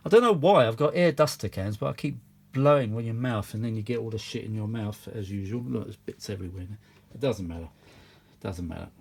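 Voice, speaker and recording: With a lowish, creaky and darkish voice, a man hosting a vintage audio repair video offers casual, rambling commentary as he works, matey and packed with tag questions. His phone is held or propped at the workbench, picking up slight background noise.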